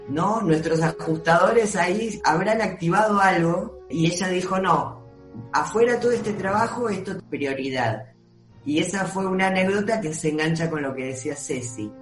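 A woman with a Rioplatense Spanish accent telling an emotional radio-station anecdote in a lively, casual way. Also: medium pitch. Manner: animated, emotional storytelling. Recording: echoey room.

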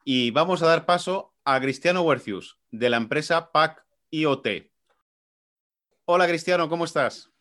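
A man's voice: on the high side, measured pace, fairly bright tone. A man with an accent from Spain, hosting a podcast and addressing listeners as he introduces a guest. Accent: Spain Spanish. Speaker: podcast host, marketing manager.

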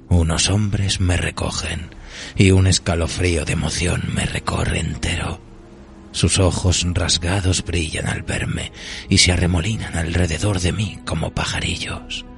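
An ancient, weary cursed treasure drifting at sea, voiced by a man reciting a poem. The voice is very deep and gravelly, unhurried and solemn, sometimes sinking to a near-whisper. Soft music plays behind it. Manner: slow, solemn, at times hushed to a whisper.

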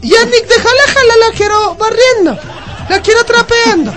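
A woman's voice: extremely high pitch, moderate pace, a loud crowd. A woman voicing a flirtatious, boastful rug-seller man, rambling and stammering crudely in a comedy radio sketch. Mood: leering.

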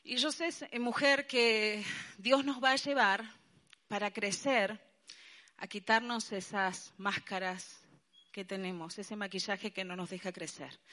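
Una pastora con acento colombiano predicando un sermón animado y enfático a un grupo de mujeres. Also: female voice, mid-range voice, unhurried. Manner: lively, emphatic preaching with colloquial asides. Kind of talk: sermon to a women's gathering.

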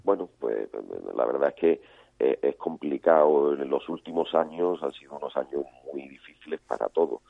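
A man's voice: extremely low pitch, moderate pace, gravelly, no room sound. A man, a cattle breeder answering interview questions hesitantly, often repeating words. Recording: dry, phone-like line.

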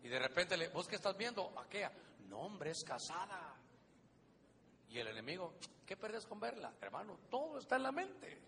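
A pastor delivers an emphatic sermon with a high, lively voice. His tone is bright and forceful, and the live church recording carries a long reverb over a faint hum. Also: fast talker, vocal fry, few pauses. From Honduras. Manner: emphatic preaching, often says "hermano", acts out voices in stories. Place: church hall.

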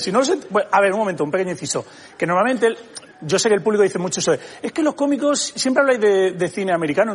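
A man doing a stand-up comedy monologue on stage, animatedly acting out both sides of dialogues. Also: high voice. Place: comedy stage before a live audience. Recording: live audience laughter, noisy theatre.

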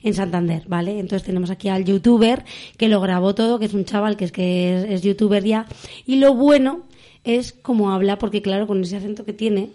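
A woman's voice: mid-range voice, brisk, mellow. Chatty woman co-hosting a podcast. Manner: chatty, laughing asides. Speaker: podcast co-host. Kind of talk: casual chat.

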